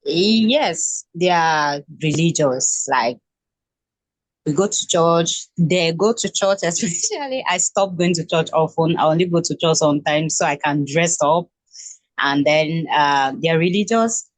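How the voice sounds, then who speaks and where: Interview guest: Nigerian woman in her twenties, low pitch, halting delivery, dry recording. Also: expressive, no room sound. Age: 20s. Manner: hesitant, with many restarts and fillers. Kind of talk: casual interview.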